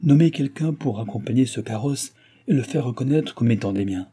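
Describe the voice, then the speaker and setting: A man reading a novel aloud, voicing a young royal princess who is brisk, gracious and commanding. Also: medium pitch, expressive, husky. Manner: brisk, imperious, graciously warm. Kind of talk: audiobook character reading.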